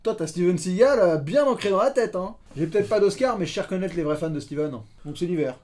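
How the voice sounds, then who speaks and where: A man's voice: sits high, expressive, fast talker, warm tone. Sarcastic man needling in a sketch. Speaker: comedy sketch writer. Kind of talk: improvised comedy sketch banter.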